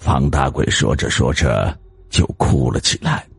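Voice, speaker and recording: A man narrating a spooky story in an expressive, dramatic scripted way. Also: extremely low pitch, measured pace, vocal fry, breathy edge, dry recording.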